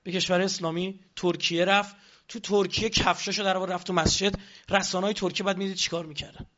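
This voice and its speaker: Animated man lecturing with rhetorical questions. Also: sits high, highs cut off. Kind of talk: lecture on politics.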